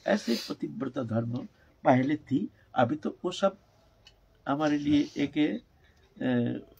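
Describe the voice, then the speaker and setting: An older man giving a devotional storytelling discourse as a spiritual teacher, emphatic, with drawn-out phrases and frequent "hain" tags. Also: a little high, lively intonation, creaky, darkish tone, slightly rough, dull audio.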